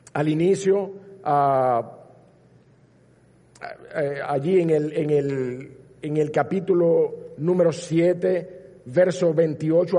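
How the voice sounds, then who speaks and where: A man's voice: on the high side, warm tone, husky. A man preaching a sermon as pastor, building emphasis through repetition. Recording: long hall reverb.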